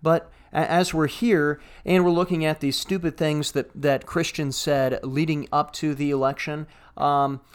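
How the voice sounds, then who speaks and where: A man's voice: on the high side, fairly even intonation, unhurried, few pauses, smooth. A man co-hosting a casual podcast discussion who reads passages aloud and comments on them wryly. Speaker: podcast co-host.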